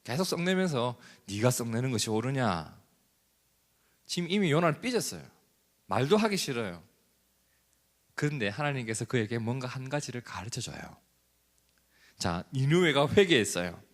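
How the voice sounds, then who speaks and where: Animated male preacher in an echoey hall. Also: medium pitch, moderate pace, long pauses. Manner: animated, asks the congregation questions. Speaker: pastor. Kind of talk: sermon. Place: church.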